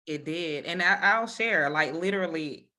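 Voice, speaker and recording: A bright-toned woman talks as a guest author on a live podcast. She is effusive and chatty, and her voice stays clear and lively. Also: lowish voice, moderate pace. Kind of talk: casual podcast chat.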